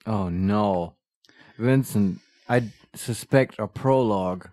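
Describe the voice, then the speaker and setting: A man's voice: fairly low pitch, slow pace, a little mellow, no echo. A man co-hosting a let's play with casual, joking commentary.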